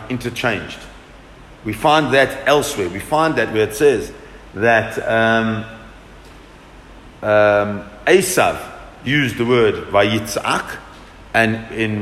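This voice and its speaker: A man's voice: medium pitch, fairly bright tone, slight background noise. A man teaching a Torah class to a group, asking questions and answering them with emphasis. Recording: echoey room with long reverb.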